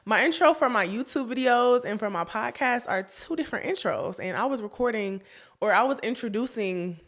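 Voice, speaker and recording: A young woman runs her own podcast in a chatty, casual way, animated and a bit bright, with a highish voice at normal speed. Talking straight to listeners, she laughs often and sniffles from a lingering cold.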